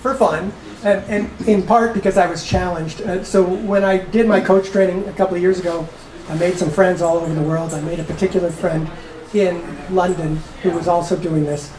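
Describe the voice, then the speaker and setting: A woman's voice: fairly low pitch, fairly even intonation, moderate pace, mellow, distant mic. A woman in her sixties, a coach, giving a casual talk with chatty, laughing asides while losing her voice. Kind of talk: casual talk to a small audience. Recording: echoey room with audience noise.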